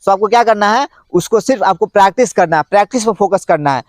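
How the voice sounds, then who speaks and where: A man teaches English pronunciation. He drills tongue twisters slowly, over and over, then coaches in a casual, chatty way. His voice sits high, and the recording is dry and close. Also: dry recording. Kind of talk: pronunciation lesson.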